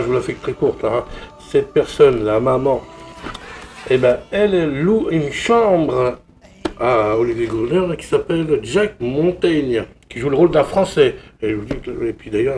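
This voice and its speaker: A man's voice: medium pitch, darkish tone, slight background noise. A man talking casually to his viewers about a film he unboxed, rambling with lots of fillers and restarts. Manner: chatty, addresses viewers directly. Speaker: film collector YouTuber.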